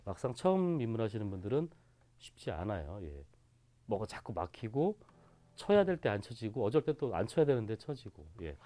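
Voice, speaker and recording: Lively patient male guitar teacher. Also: lowish voice, normal speed. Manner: patient, counts strokes aloud in a sing-song way. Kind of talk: instructional lesson.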